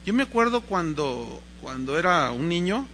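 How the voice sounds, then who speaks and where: A man with a Mexican accent preaching a sermon, telling a story in a lively way and acting out the voices. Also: on the high side, moderate pace, a little hiss or hum. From Mexico, Guadalajara. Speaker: pastor.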